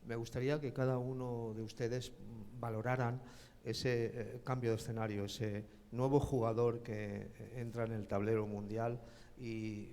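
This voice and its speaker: A man in the audience asking a formal question, hesitant and full of pauses. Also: mid-range voice, level tone, dark tone. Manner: hesitant, many fillers. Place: auditorium.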